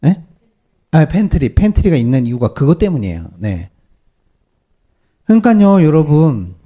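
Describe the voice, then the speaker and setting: A male pastor preaching a sermon to his congregation, animated and peppering them with rhetorical questions. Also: fairly high pitch, moderate pace. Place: church service.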